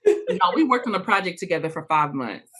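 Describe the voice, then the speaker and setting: A woman's voice: lowish voice, fairly quick. A woman guest in a casual live interview, talking expressively and calling out to the audience. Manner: expressive, laughing, calls out to the audience.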